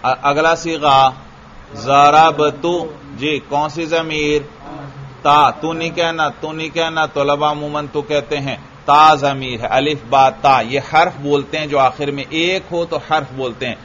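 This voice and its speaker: A male religious teacher from Pakistan drilling grammar with his class, quizzing students with repeated questions and chanting word forms slowly. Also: on the high side, steady tone, fairly bright tone, highs cut off, slight background noise.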